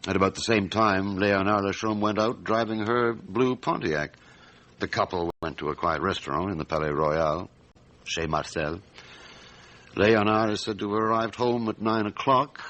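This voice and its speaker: A man playing a calm, middle-aged French police chief inspector in a radio drama, speaking in a measured, deliberate, matter-of-fact way. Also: lowish voice, highs cut off. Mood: deliberate reporting.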